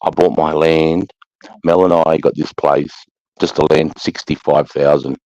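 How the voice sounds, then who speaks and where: A man's voice: very deep voice, fairly even intonation, unhurried, darkish tone, dry recording. A man with an Australasian accent chatting casually in a blokey, slangy way, swearing freely. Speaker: host of a live chat. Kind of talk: casual chat. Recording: dull lo-fi sound.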